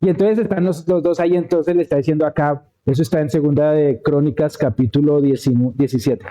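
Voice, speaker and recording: Dark-toned preacher, conversational. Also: male voice, a little high, fairly even intonation, fairly quick. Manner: storytelling, checks in with the congregation. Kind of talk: conversational sermon. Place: church.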